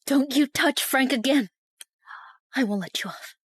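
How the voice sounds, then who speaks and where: Desperate sorry young lady, super high voice, emotional pleading, drama dub, dry sound. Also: measured pace, husky, dry recording. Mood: angry outburst. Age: young adult. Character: desperate, remorseful young woman pleading with childhood friend.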